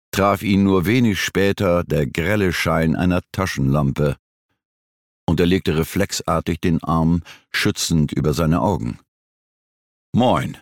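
Deep, gravelly male audiobook narrator. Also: dry recording, clean studio sound. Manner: measured, suspenseful storytelling. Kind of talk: scripted narration.

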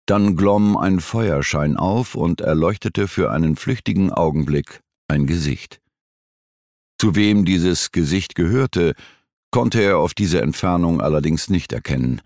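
A male audiobook narrator reads a suspense story in a measured, tension-building way. His voice is very low and gravelly. The sound is dry and close, with no room echo. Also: darkish tone. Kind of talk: scripted narration.

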